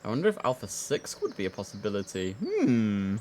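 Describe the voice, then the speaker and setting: This man has a lowish, darkish voice whose pitch swoops wildly, and he talks a little fast. He's live-streaming an air traffic controller game, commenting casually and half to himself, with bits of clipped controller phraseology mixed in.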